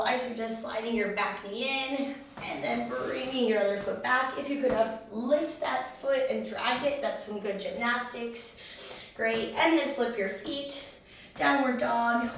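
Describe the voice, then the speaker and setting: A woman teaching a yoga class, giving step-by-step pose instructions in a calm, soothing, encouraging way. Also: fairly high pitch. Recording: very echoey room, far mic, faint noise.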